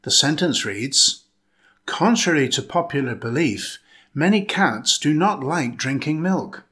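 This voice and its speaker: A man reads a scripted English pronunciation lesson with a bright, forward tone. His pitch moves up and down a lot, and he spells out every word with careful, clear enunciation. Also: lively intonation, unhurried. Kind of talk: scripted instructional narration.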